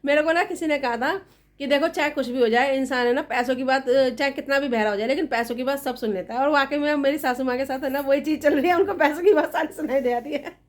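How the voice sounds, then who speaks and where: A woman's voice: sits high, quick pace. A woman in her thirties chatting casually to the camera as a family vlogger, teasing and laughing often. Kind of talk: casual vlog chat.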